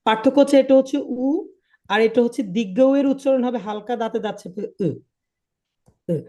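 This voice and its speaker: A man with a high voice and dark tone teaches a live online language class. He is patient, drilling each point through repetition and checking that his students are following along.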